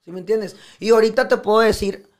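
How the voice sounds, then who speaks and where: A man with a Mexican accent talking as a podcast guest in casual conversation, animated and profane, often acting out what others say. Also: high voice, quick pace. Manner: animated, profane, acts out quoted speech.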